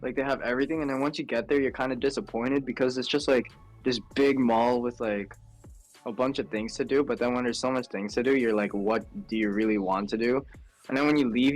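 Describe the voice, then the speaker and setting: A teenage student talking casually about a novel for a class podcast, with lots of filler words. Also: male voice, mid-range voice. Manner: loose, with many filler "like"s.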